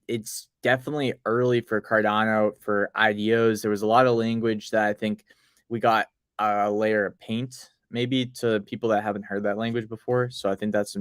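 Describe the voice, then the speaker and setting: A man with a light Boston accent co-hosts a casual talk show. His voice is on the low side and recorded dry and close. He talks in a loose, laid-back, rambling way. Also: a bit bright, smooth, dry recording. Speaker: co-host. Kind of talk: casual podcast chat.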